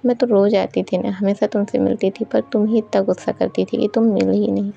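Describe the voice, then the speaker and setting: A soft, soothing young elder sister, affectionate and coaxing, as a woman narrator reads her lines. The voice is dark and gravelly with a husky edge. It sits on a dull recording with faint music underneath. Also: mid-range voice, flat delivery, fairly quick.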